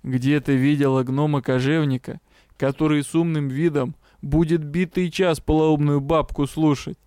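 A man voicing a cunning noble mage who speaks in a soft, innocent-sounding tone. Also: fairly high pitch, fairly even intonation, normal speed, clean tone, no room sound, clean studio sound, natural voice. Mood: sly. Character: sly noble mage lord posing as a commoner. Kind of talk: audiobook character voice.

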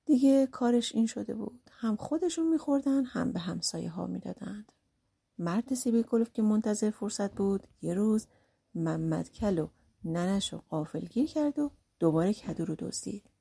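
A woman narrates a folk tale audiobook with lively, dramatic emphasis. Her voice is mellow and warm with a husky, slightly breathy edge. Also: mid-range voice.

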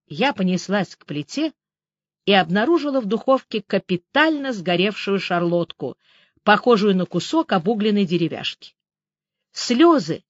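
A woman narrating a story in the first person, reading in a lively, expressive way. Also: mid-range voice, no room sound. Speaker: audiobook narrator. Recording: dry, slightly dull audiobook recording.

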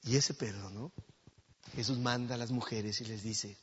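A man preaching a sermon in a church, telling a story dramatically and swinging between loud exclamations and hushed near-whispers. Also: mid-range voice, fairly even intonation, moderate pace, highs cut off, slight background noise.

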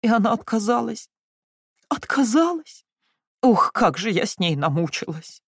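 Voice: medium pitch, big pitch swings, unhurried, breathy edge, dry recording, studio quality, pitched above the performer's own voice, exaggerated voice. A reader voicing a tearful, fussy middle-aged mother who moans and laments in an audiobook. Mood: lamenting. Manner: whimpering, lamenting. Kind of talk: audiobook reading.

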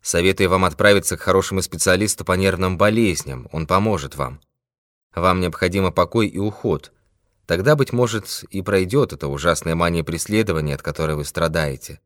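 A man's voice: medium pitch, animated, fairly quick, dry recording, clean studio sound, pitched above the performer's own voice, natural voice. A man voicing a great detective who is stern but patient with a client. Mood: firm. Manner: firm, exasperated.

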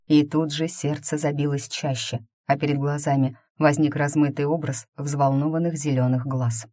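A woman narrating a romantic fantasy novel in an even, measured voice. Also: low-pitched, no echo, clean studio sound. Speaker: audiobook narrator. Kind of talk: scripted narration.

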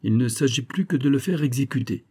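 A man's voice: medium pitch, animated, a little fast, warm tone, slightly rough, voice pushed up. A man doing a cynical scheming crook. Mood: calculating. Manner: coolly reasoning, persuasive. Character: cynical scheming male criminal plotting a murder. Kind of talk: audiobook character voice.

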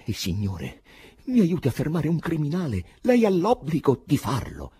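A man voicing an agitated young male poet in an audiobook reading, shouting accusations in a husky voice. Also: fairly high pitch, huge pitch swings, normal speed, pitched above the performer's own voice, full character voice. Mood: pleading. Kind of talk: audiobook narration.

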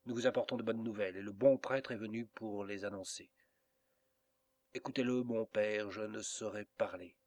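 A man's voice: fairly low pitch, fairly even intonation, moderate pace, a little mellow, dry recording, close to an everyday voice. A man reading the part of an adult son, pleading urgently with his father.

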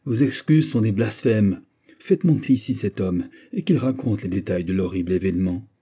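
A man's voice: fairly low pitch, expressive, moderate pace, mellow, slightly rough. A man voicing a proud minister of state who speaks in a despairing, stern way. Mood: anguished.

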